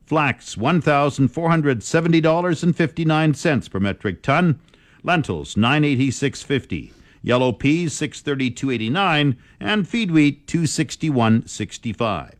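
A man's voice: fairly high pitch, dry recording. A man reading scripted farm news and market prices as a radio presenter.

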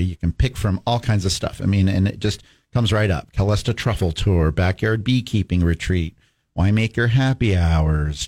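A man's voice: deep voice, darkish tone, no echo. A man appearing as a guest on a morning radio show in the studio, talking upbeat and promotional. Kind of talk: casual radio chat.

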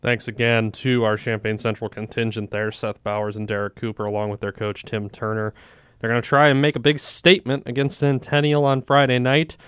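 A man with a clear, smooth voice hosts a sports radio show. His delivery is dense and wordy, like an announcer working through his copy, and the sound is close and dry at a middle pitch. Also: little pitch movement, fairly quick, fairly bright tone, no echo.

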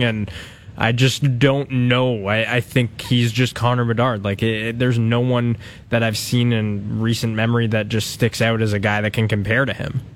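A man co-hosting sports talk in a studio, chatting informally and often searching for words. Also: medium pitch. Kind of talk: casual sports chat. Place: radio studio.

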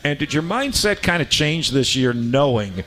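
A man's voice: on the high side, very animated, normal speed, fairly bright tone. A man hosting a live sports radio talk show from a restaurant, a friendly and chatty interviewer.

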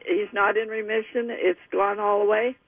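A woman's voice: medium pitch, fairly even intonation, normal speed, slightly rough, no room sound. A woman in her nineties calling in, chatting in a rambling way, heard over a phone line on the radio. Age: 90s. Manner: chatty, rambling baseball talk. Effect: phone call heard over the radio. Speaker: caller. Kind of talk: casual phone chat. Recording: tinny dry phone line.

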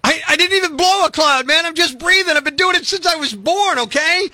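High, bright-voiced radio host man in his fifties. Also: brisk, no room sound, clean studio sound. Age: 50s. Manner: excitable, pleading, comically exasperated. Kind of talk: radio prank call and call-in segment.

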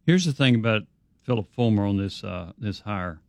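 A man's voice: lowish voice, normal speed, gravelly, darkish tone, dry recording. Male sports talk host, dry close sound.

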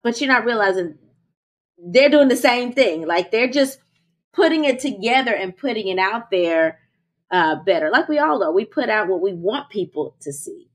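A woman's voice: mid-range voice, expressive, normal speed. A woman co-hosting a podcast, talking chattily with listeners and calling them y'all. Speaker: podcast co-host. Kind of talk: casual podcast chat.

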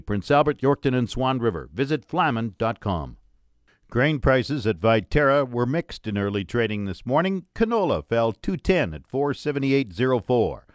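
A man's voice: medium pitch, dry recording, clean studio sound. A man hosting a radio farm report, reading scripted grain prices and sponsor notes. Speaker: radio farm news host.

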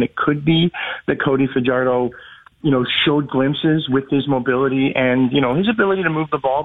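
A male sports radio host talks through the game at length, hedging and restarting as he thinks aloud. His voice sits at an ordinary middle pitch. The sound is thin and phone-like, as if heard over an old radio line. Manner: hesitant, thinking aloud with many fillers. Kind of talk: sports talk radio discussion.

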